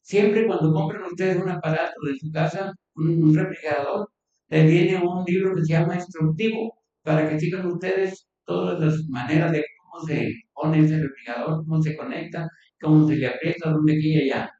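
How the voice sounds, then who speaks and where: A man's voice: on the high side, steady tone, normal speed, dark tone. A man preaching a sermon in a loose, conversational way, often restarting words. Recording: distant echoey church recording, dull sound.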